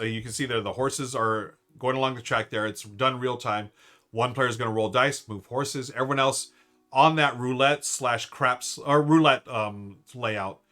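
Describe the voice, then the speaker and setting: An American man with a medium-pitched, pushed, bright voice hosts a casual live stream where he ranks board games. He's enthusiastic and rambling, full of fillers and restarts.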